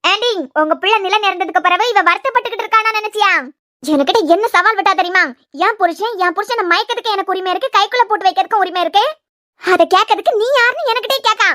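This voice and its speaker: A woman's voice: very high-pitched, fast, sharp tone. A woman voicing a spiteful scheming young woman. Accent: Kanyakumari Tamil. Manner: sneering, indignant. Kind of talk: cartoon serial voice acting.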